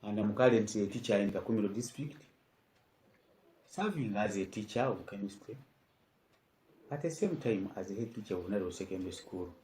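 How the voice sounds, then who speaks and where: A man, a head teacher answering interview questions in measured, formal phrasing. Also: on the low side, a little mellow, slight background noise. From Uganda. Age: 50s. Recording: echoey room, mic at a distance.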